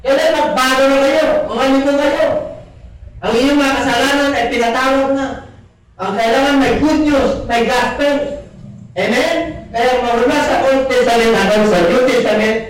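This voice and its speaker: A man preaching a sermon as pastor, mixing Tagalog and English scripture readings, with polite "po" and many "ah" pauses. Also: extremely high pitch, fairly even intonation. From Philippines. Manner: polite "po", frequent "ah" hesitations. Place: church hall. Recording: very echoey, voice from far off.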